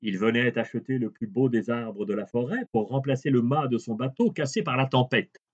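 A man reading a fairy tale aloud in an expressive way, drawing out words for emphasis. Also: medium pitch, normal speed, husky. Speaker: storyteller. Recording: dull lo-fi recording.

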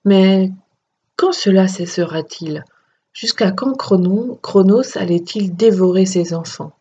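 A woman narrating a children's myth story in a steady, expressive reading voice. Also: mid-range voice, slow, husky, lo-fi sound.

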